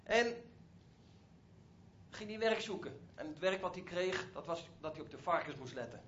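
A man's voice: sits high, animated, moderate pace, fairly bright tone, lo-fi sound, slight background noise. A man retelling a Bible story as a preacher, in a conversational way with frequent asides to his listeners.

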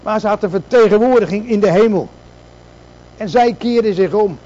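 A man's voice: high-pitched, moderate pace, dark tone, highs cut off. A man preaching a sermon, asking rhetorical questions and repeating words for emphasis.

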